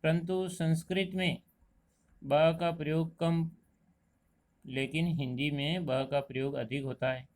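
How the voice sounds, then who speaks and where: A man teaching a Hindi grammar lesson, explaining pronunciation slowly and deliberately and drawing out each example word. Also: a little high, fairly even intonation. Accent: Rajasthani Hindi. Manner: slow, deliberate explanation, stretching out example words. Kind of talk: classroom lesson.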